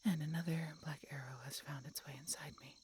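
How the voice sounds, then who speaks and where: An actress voices an ancient, dying dragoness in a dramatic audio roleplay spoken to the listener, in a slightly noisy recording. Her female voice is low, breathy and whispery, steady in tone and a little mellow, lightly acted, with a grave, pained mood. As a mortally wounded, centuries-old dragon, tender and resigned, she sounds weak and hurting, delivering her lines haltingly with dramatic pauses.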